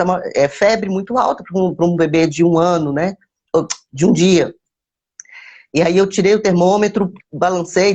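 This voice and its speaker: A woman's voice: on the low side, warm tone. A woman telling her personal faith testimony to live viewers. She repeats words and phrases for emphasis and calls out to viewers by name. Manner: addresses viewers by name mid-story. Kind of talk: personal testimony, casual storytelling.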